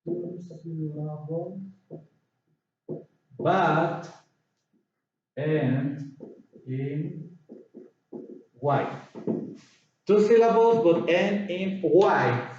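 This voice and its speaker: A man teaching an English grammar lesson, slowly repeating words and spelling letters out. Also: on the high side, a little mellow. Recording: echoey, distant, dull room sound.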